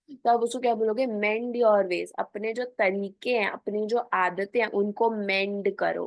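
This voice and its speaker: A woman with a slightly high voice teaches a spoken English lesson, recorded close and dry with no room sound. She explains in casual Hindi and pronounces each English example phrase slowly and deliberately. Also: darkish tone, no echo.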